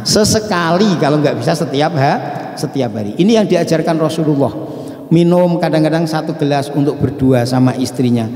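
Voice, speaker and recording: A man's voice: fairly high pitch, a little mellow. Male preacher in an echoey mosque. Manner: storytelling, often turning to the listeners; mixes in recited Arabic phrases. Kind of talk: sermon to a congregation. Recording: echoey mosque hall with long reverb.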